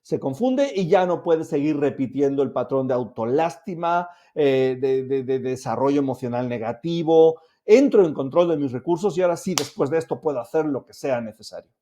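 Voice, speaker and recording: Mellow-voiced man coaching the viewer. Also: a little high, animated, normal speed, hardly any pauses. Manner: explains directly to the viewer, upbeat and coaxing. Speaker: self-help coach. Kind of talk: instructional talk to camera.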